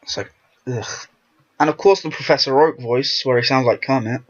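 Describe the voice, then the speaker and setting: Male let's player, rambling casual commentary, mid-pitched, dull lo-fi audio. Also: moderate pace. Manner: rambling, self-interrupting chatter. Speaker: let's play host. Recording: dull lo-fi recording.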